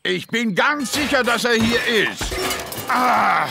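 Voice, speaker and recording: Gravelly, jovial cartoon daddy pig Papa Wutz. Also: male voice, extremely high pitch, lively intonation, slow pace, music in the background, heavily acted. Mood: confident. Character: cheerful, easygoing, overconfident cartoon daddy pig. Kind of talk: children's cartoon voice acting.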